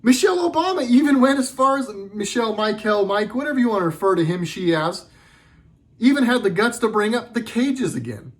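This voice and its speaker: A man's voice: high voice, expressive, fairly quick. A middle-aged man delivering a sarcastic, heated political commentary monologue with lots of emphasis.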